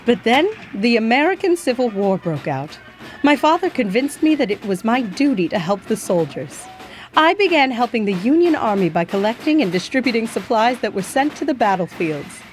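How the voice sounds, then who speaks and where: A woman's voice: fairly high pitch, very animated, moderate pace. A woman playing a gracious historical nurse who tells her life story in a genteel way, calling her listener "my dear". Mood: earnest. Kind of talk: scripted educational acting.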